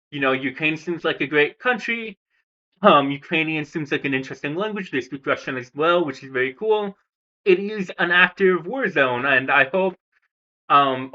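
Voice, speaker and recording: Speaking with a slightly high, pushed, bright voice over lo-fi audio, an American man who vlogs about languages rambles casually about languages and countries. He sounds hesitant, with plenty of fillers and restarts.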